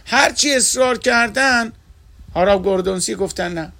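A man's voice: sits high, vocal fry, bright, forceful tone. A man delivering an earnest sermon as a religious teacher, retelling stories and speaking directly to his listeners. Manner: earnest storytelling, addresses listeners as dear friends.

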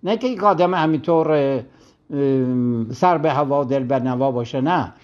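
A man's voice: medium pitch, darkish tone, dull audio. A man who teaches religion, telling a moral story in a sermon on a broadcast and acting out the quoted complaints.

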